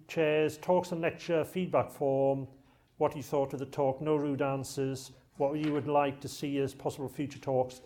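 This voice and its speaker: An archive lecturer with a Welsh accent, originally from South Wales, gives a jokey, chatty public talk to a live audience in a lecture room. His voice is medium-pitched and a little mellow.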